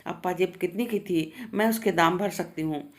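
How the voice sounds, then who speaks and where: Lady reading as a sharp-tongued scolding mom from a storybook, plain reading voice. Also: fairly low pitch, normal speed, natural voice. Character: angry scolding village mother, middle-aged woman.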